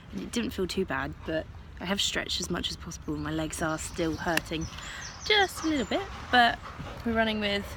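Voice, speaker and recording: A woman chatting casually to camera as an amateur runner making a training vlog. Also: mid-range voice. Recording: faint background noise.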